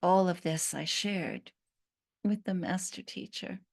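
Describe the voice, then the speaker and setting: A woman channeling a gentle fig tree spirit. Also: fairly low pitch, creaky, husky, heavily acted. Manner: slow, earnest storytelling with drawn-out pauses.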